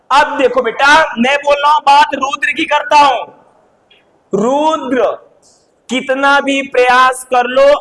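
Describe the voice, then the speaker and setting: Young guy teacher, real high bright voice, loud with the class, echoey hall. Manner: loud, calls on students and repeats sounds slowly. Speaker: English teacher. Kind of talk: classroom lesson to children.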